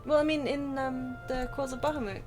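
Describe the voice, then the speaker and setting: A woman streaming a game, with a fairly high voice. Her commentary is casual, chatty and jokey, over faint background music. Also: fairly even intonation, fairly quick, darkish tone. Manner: playful, jokey. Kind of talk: casual chat and commentary while gaming.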